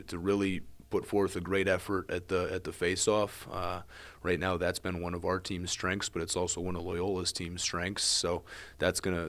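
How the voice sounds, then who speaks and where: A man, a head lacrosse coach, giving measured interview answers and often repeating words as he thinks. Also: low-pitched.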